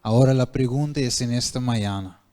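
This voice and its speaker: A man's voice: mid-range voice, fairly quick, dark tone. A male preacher giving a sermon who keeps asking the congregation questions and then answering them himself.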